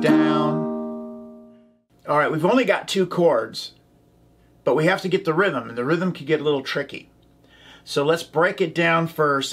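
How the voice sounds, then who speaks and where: With a ukulele playing behind him, a man leads an instructional tutorial, calling out chords and strums and chanting rhythm syllables. His voice is medium-pitched with a fairly bright tone.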